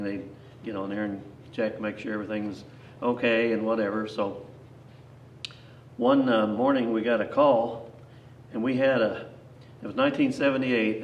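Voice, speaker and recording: An older man with a lowish voice tells a rambling grandpa story. He is folksy and plain-spoken, backtracking as he reminisces. The recording is echoey, with the microphone some distance away. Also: lo-fi sound. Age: 60s or older. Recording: echoey, distant mic, faint noise.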